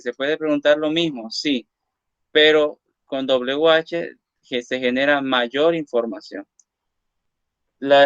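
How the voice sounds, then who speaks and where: A man teaching an English lesson, saying English phrases slowly, then translating and explaining them, and checking in with "ok?". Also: mid-range voice, a bit bright, clear, resonant tone, no room sound. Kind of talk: recorded classroom lesson. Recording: dull lo-fi dry recording.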